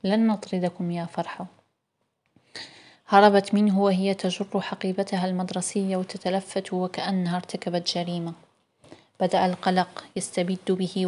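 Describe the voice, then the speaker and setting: Calm woman narrator with level delivery. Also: on the low side. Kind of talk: audiobook narration.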